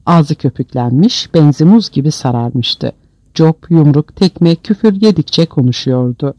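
A man's voice: on the high side, lively intonation, unhurried, mellow, no room sound. A man narrating an audiobook in a dramatic storytelling manner, on a dull, dry lo-fi recording.

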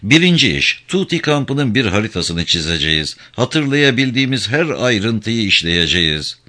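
A male narrator doing a driven, restless man laying out a plan in a spoken story. He keeps close to his own fairly low voice, with a bright, lively tone. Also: moderate pace. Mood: planning.

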